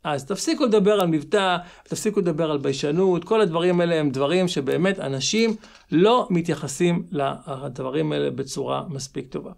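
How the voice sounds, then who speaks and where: A man's voice: a little high, gravelly. A man with an Israeli accent teaching in an emphatic, exhorting motivational style, repeating phrases for stress. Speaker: English teacher and channel host. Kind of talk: motivational lesson to camera.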